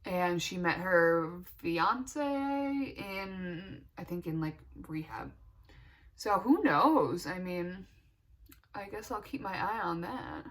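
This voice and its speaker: A woman's voice: fairly low pitch, animated, slow pace, a bit bright. A young adult woman chatting casually as a beauty vlogger, talking with retainers in her mouth and thinking aloud informally. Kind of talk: casual chatty get-ready-with-me vlog.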